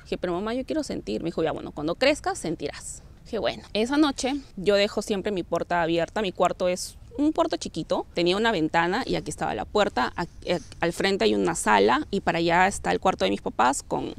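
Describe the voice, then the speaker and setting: A woman with a Peruvian accent recounting a personal paranormal experience in the first person, vividly acting out quoted voices and dropping to a hush at tense moments. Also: mid-range voice, lively intonation, fairly quick, vocal fry, hardly any pauses. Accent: Peruvian Spanish. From Peru.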